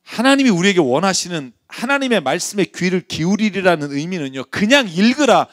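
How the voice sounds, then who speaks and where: A man preaching a sermon as pastor, conversational and lively, asking his listeners rhetorical questions. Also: high-pitched, dry recording, clean studio sound.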